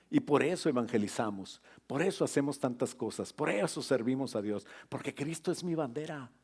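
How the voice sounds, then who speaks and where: A middle-aged male pastor preaching a sermon, lively and joking with his congregation. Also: medium pitch.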